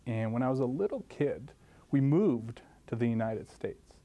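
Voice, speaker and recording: Brief: man from Lithuania, thirties, studio interview guest, warm mellow tone, animated telling. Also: normal speed. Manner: animated storytelling, lively pitch jumps. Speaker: guest professor. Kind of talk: interview answers. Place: studio set, seated. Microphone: lapel mic.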